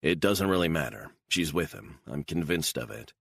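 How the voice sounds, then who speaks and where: A man voicing a gruff intelligence officer who speaks bluntly and matter-of-factly. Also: a bass voice, expressive, normal speed, no echo, clean studio sound, heavily acted.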